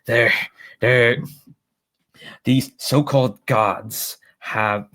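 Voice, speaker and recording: A man voicing a righteous crusader preacher in a tabletop game, pompously declaring doctrine and trying to sound gruff. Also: medium pitch, steady tone, extremely slow, sharp tone. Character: righteous male crusader preaching in an online video.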